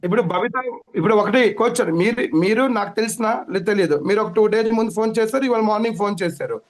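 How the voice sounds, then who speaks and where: Urgent fast-talking Telugu man. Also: high voice. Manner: urgent, repetitive, rushing to explain. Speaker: interviewee. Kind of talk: agitated phone-in complaint.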